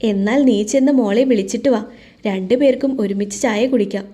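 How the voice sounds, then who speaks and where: Woman doing a fond, nagging mom, mellow, audio-story family scene. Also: medium pitch, a little fast, close to an everyday voice. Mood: scolding. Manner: scolding, affectionate. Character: fond, scolding middle-aged mother.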